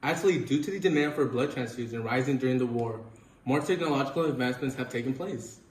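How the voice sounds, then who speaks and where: A man's voice: medium pitch, fast talker, recorded from a distance, close to an everyday voice. A man playing a formal 1940s medical professor, giving careful scripted answers in a news interview. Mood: formal, sincere. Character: grateful, formal male 1940s army doctor and professor. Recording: echoey, off-mic room with faint noise.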